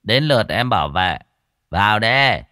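A man voicing a brisk, formal older male professor calling out loudly. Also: on the low side, big pitch swings, no echo, clean studio sound.

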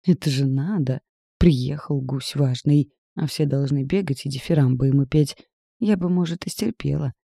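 A hot-tempered young village woman snaps and mocks with a raised, higher voice, as a man reading the audiobook puts her on. A gravelly, dark grain stays under her scolding. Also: moderate pace, dry recording, studio quality. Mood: angry scolding. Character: fiery, sharp-tongued young village woman.

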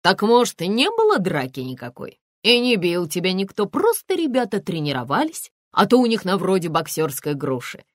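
A woman's voice: medium pitch, huge pitch swings, moderate pace, hardly any pauses, dry recording, studio quality, pitched above the performer's own voice. A woman voicing a jovial, sly male police lieutenant colonel who mocks people in folksy banter. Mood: jovial mocking.

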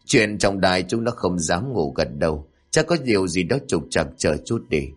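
A man voicing an angry middle-aged sorcerer priest who shouts threats in a horror story. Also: low-pitched, animated, normal speed, faint music behind. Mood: calm.

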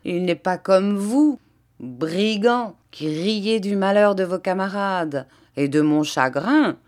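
A woman reading an audiobook who voices a cruel man who beats children, speaking in a soft, mocking, menacing tone. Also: mid-range voice, slow pace, lightly acted. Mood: mock-tender menace.

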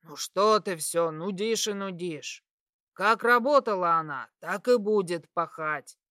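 A gruff middle-aged father in an audiobook, blunt and grumbling as he scolds, voiced by a woman reading. The tone is bright and forward. The sound is dry and close, with no room at all. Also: mid-range voice, measured pace, dry recording.

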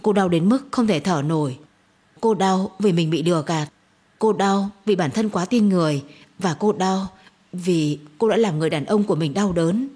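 Husky woman narrating a dramatic story. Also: lowish voice, normal speed, dark tone. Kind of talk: scripted narration of an audio story.

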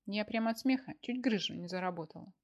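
A woman voicing a shrill, gossiping older market woman in a read-aloud story. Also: fast talker, darkish tone, highs cut off, close to an everyday voice. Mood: gleeful.

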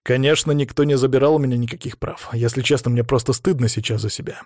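A man's voice: medium pitch, steady tone, fast talker, darkish tone, no room sound, natural voice. A man reading the part of a remorseful, tender father in an audiobook, close to his own voice. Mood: fond.

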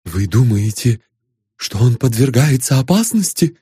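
A man voicing an anxious, genteel middle-aged woman who speaks in a hushed, urgent way. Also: medium pitch, big pitch swings, a little slow, breathy edge, dry recording, exaggerated voice.

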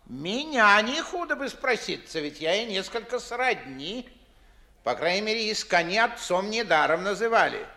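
Irritated and prying, this older male voice swoops high with big pitch swings and a sharp, exaggerated tone. He's acting a fussy, pompous old aristocratic Moscow father and official for a 1950s-style radio play, declaiming theatrically with drawn-out emphasis.

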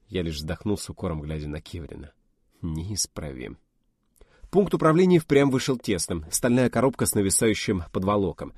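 A man narrating an audiobook in first person with expressive storytelling. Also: sits low, no echo, clean studio sound.

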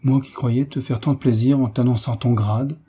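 A man's voice: mid-range voice, steady tone, normal speed, warm tone, slightly rough, pitched above the performer's own voice. A man reading as a hearty old sailor. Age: older. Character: old sailor veteran, joyful, warm uncle.

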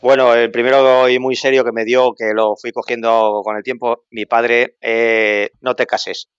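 A man's voice: medium pitch, flat delivery, measured pace, clear, resonant tone, no echo. A man calling in by mobile phone as a podcast guest, chatting casually and joking with a chuckle. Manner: joking, chuckling between remarks. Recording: dry lo-fi phone audio.

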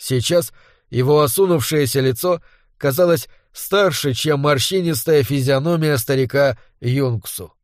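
A man narrating an audiobook with a fairly high-pitched voice. He reads in a measured, dramatic way, and the sound is close and dry, with no room echo. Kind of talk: scripted narration.

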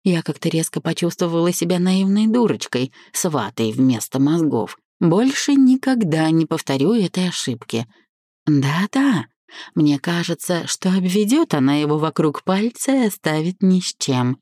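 A woman reads a first-person novel aloud, expressive and measured. Her voice sits low and husky with a mellow, dark tone. The recording is dry and close. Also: dry recording. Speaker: audiobook narrator.

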